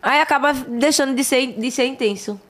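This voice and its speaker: A woman's voice: high-pitched, a little fast. A woman, a guest chatting casually and emphatically on a podcast, often laughing.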